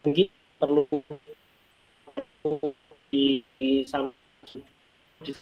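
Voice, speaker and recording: A male teacher on a video call, speaking haltingly with many fillers while his audio keeps cutting out. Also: mid-range voice, flat delivery. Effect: choppy, cutting-out online call audio. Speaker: teacher in an online discussion. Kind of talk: casual discussion remarks. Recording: dull lo-fi call audio breaking up.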